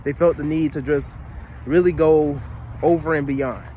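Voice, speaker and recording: A man's voice: a little high, steady tone, a little slow, warm tone, a little hiss or hum. A man with a groggy morning voice telling a long story in a casual, rambling vlog, full of restarts and asides. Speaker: vlogger.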